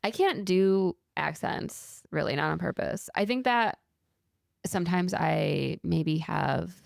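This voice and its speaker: Woman podcast co-host, low gravelly voice, hesitant casual talk. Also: expressive, takes it slowly, dry recording, clean studio sound. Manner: hesitant, trailing phrasing.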